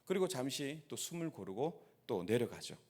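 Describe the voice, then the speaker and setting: A man's voice: mid-range voice, very animated, normal speed, darkish tone. Korean man preaching a story-driven sermon. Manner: storytelling with rhetorical questions to the congregation. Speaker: pastor. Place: church sanctuary.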